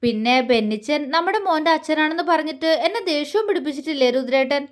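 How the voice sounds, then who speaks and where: A woman voicing a tearful young wife in an audio love story, speaking in a halting, trembling way. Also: sits high, expressive. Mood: emotional. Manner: tremulous, halting, emotional.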